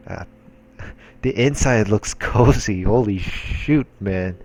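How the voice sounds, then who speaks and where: Over the game's background music, a man doing a let's play reads visual novel narration aloud casually, sometimes stumbling and slipping in his own remarks. His voice is fairly low, slow, and somewhat dark in tone.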